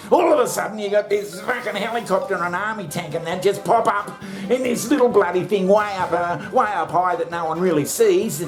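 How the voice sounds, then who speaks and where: A man rants in a casual, comic way, blunt and sweary, with plenty of fillers and laughter. Music plays clearly underneath him. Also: sits high. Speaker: commentator on the show.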